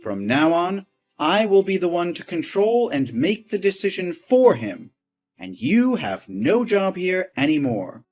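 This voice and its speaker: A man's voice: sits high, very animated, soft background music. An actor playing a domineering, wealthy husband who talks down to his wife with boastful scorn. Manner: boastful, scornful, quick to rage.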